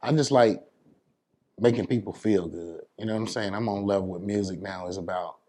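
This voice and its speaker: On the low side and warm in tone, this American man from New York City speaks briskly as an interview guest. He keeps it colloquial, peppering his talk with "you know what I'm saying" and similar conversational check-ins.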